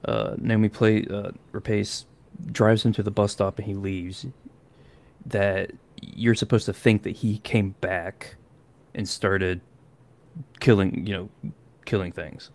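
Low-voiced man theorizing about a film. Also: little pitch movement, takes it slowly, darkish tone. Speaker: podcast co-host. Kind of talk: casual movie review chat.

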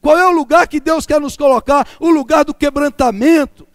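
A man preaching a sermon, impassioned and building repetitive lists that swing between raised exclamations and hushed low passages. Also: normal speed, no echo, clean studio sound.

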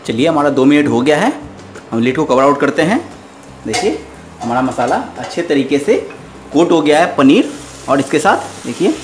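A man hosting a cooking show, patiently talking viewers through a recipe step by step as he cooks at home. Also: mid-range voice. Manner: patient, instructive, addresses viewers directly. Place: home kitchen at the stove.

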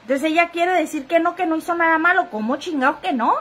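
A woman chats through a gossip live stream, addressing her viewers directly and reading their comments aloud. Her voice sits high, and she sounds a little sniffly. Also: fast, fairly bright tone. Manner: chatty, talking straight to viewers. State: sniffly, runny nose.

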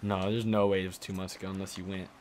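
A young man giving casual, excitable commentary while playing a game, swearing and shouting at plays. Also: deep voice, fast talker, heavy background noise. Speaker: gameplay streamer.

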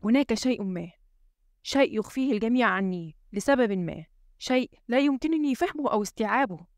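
A woman's voice: on the high side, animated, brisk, no room sound, studio quality, lightly acted. Woman doing a tense, commanding male president. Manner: muttering, urgent and commanding. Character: tense, suspicious male head of state.

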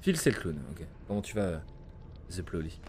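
A man's voice: deep voice, big pitch swings, moderate pace, darkish tone, slight background noise. A man giving live gameplay commentary as a streamer, chatty, swearing and greeting viewers in chat by name. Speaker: gaming streamer.

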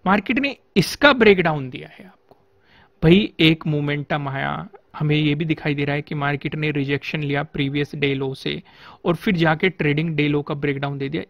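A man's voice: on the high side, no echo. A man teaching stock chart analysis, explaining in an instructive way and often posing rhetorical questions to the viewer. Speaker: stock market trading teacher.

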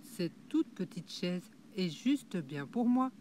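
A woman's voice: on the low side, sing-song, slow, darkish tone, a little hiss or hum. A woman reading as a polite little girl.

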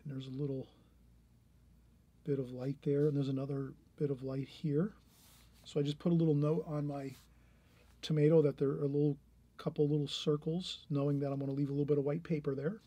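A man's voice: on the high side, level tone, fairly quick, mellow, husky. A middle-aged man teaching a painting lesson, talking aloud as he draws, encouraging and rambling. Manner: encouraging, rambling, many restarts. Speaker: art teacher. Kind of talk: painting tutorial, thinking aloud while drawing.

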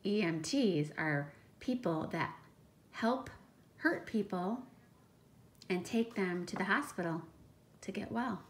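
A woman teacher, medium-pitched and expressive, reads a picture book to young children slowly, pausing often. She speaks in an emphatic, kid-friendly way, weaving in questions and explanations as she goes.

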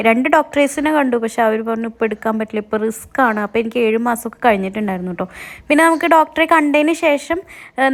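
A woman, talking through a casual vlog while in pain after a tooth extraction, chatty and adding tag words as she goes. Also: fairly high pitch. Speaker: vlogger.

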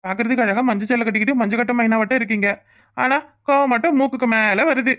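A woman's voice: on the high side, fairly even intonation, fast talker, fairly bright tone, close to an everyday voice. A woman voicing a teasing, persistent village bachelor in a cartoon, with a southern Tamil accent. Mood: wooing. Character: cheeky balding village bachelor, teasing suitor. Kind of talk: cartoon voice acting.

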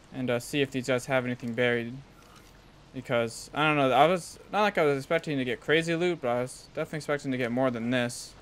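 A young man giving casual gameplay commentary in slangy, sweary frat-bro talk. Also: mid-range voice. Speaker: gaming video host.

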